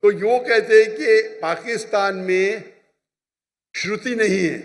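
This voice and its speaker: Man, high voice, emphatic lecturing tone, audience Q&A, long hall reverb. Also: slow. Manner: lecturing, emphatic, repeats points with "you understand?". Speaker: Islamic speaker answering audience questions. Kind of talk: public question-and-answer talk.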